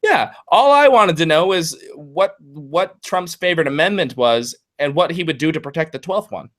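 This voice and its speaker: A man's voice: a little high, expressive, moderate pace, fairly bright tone. A man co-hosting a casual political podcast, chatty and telling stories with acted-out quotes. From California. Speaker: podcast co-host.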